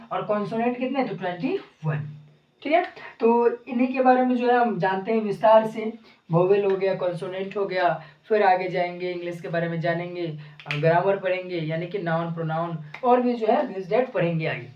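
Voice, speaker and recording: A woman's voice: medium pitch, normal speed. A woman teaching a beginners' language lesson, explaining step by step and answering her own questions. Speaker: English teacher. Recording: echoey room, distant mic, dull sound.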